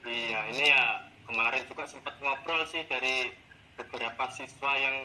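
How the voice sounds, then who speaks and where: A man with a sharp, bright voice takes the part of a teacher in a coaching role-play. He complains in an animated, exasperated way about his pupils. The recording carries a faint background hiss. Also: mid-range voice, moderate pace, poor audio. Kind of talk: role-played coaching session.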